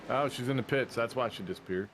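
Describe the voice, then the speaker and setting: A man's voice: medium pitch, a little hiss or hum. Chatty, jokey male race commentator. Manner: chatty and jokey, with quick bursts of excitement. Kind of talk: casual play-by-play commentary.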